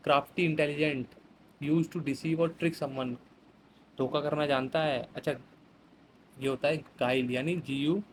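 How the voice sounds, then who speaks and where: A man's voice: fairly high pitch, low-quality recording. A man with a slightly raised voice runs through an exam vocabulary lesson in a chatty, example-filled way, reading phrases. Faint room noise sits behind him. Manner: chatty, explains with everyday examples, mixes English words into Hindi. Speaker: teacher.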